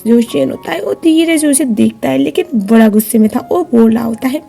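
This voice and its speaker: A woman's voice: high-pitched, fairly quick, creaky, mellow, soft background music. A woman narrating a casual drama recap, retelling scenes with chatty asides.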